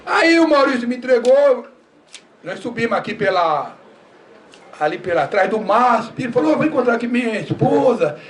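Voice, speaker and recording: An older man, a former postal worker, telling lively stories at a seminar, acting out dialogue and often laughing. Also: very high voice, normal speed. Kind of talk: storytelling talk at a seminar. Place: university seminar room. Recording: distant mic, faint room noise.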